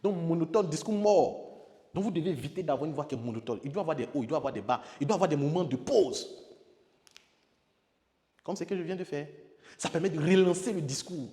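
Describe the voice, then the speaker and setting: A man's voice: a little high, brisk, pauses often. A man, a public speaking coach teaching with emphatic repetition. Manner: emphatic, repeats key words, demonstrates with sudden loud exclamations. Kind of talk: spoken lesson on public speaking. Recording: long hall reverb.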